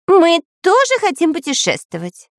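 A woman voicing a sly, lying male spy in a nasal, drawn-out whiny voice for a storybook. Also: very high-pitched, huge pitch swings, no room sound, studio quality, voice pushed up, heavily acted.

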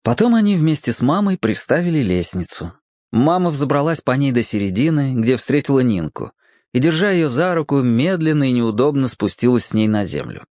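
A narrator reading a children's story aloud with a lively, expressive voice. The pitch rises and falls freely. The recording is close and dry. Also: brisk, no room sound.

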